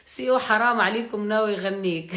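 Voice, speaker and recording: A woman's voice: mid-range voice, a little fast, a bit bright. Teasing Tunisian woman on a live stream. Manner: mocking, joking, laughs often. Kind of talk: casual live-stream chat. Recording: roomy echo.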